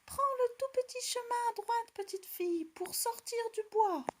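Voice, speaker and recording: A woman voicing a tiny bear cub, with high piping cries in a storybook tale. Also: moderate pace, slight background noise. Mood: helpful.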